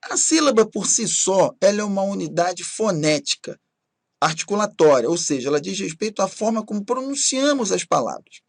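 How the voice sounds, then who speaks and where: A man's voice: high-pitched, animated, moderate pace, dry recording, studio quality. A man teaching a recorded grammar lesson, explaining step by step and often checking in with "ok?".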